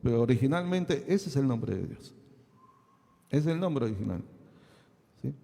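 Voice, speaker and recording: A man's voice: medium pitch, animated, normal speed, creaky, mellow. A male pastor teaching a sermon, asking the congregation again and again whether they follow. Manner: asks the congregation many checking questions. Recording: long hall reverb.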